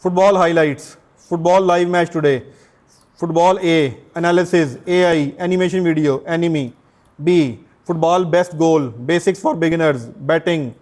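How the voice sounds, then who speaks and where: A man's voice: on the high side, fairly even intonation, measured pace, darkish tone. A middle-aged man with a Pakistani accent teaching a class, explaining step by step and putting questions to his students. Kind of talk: classroom lecture.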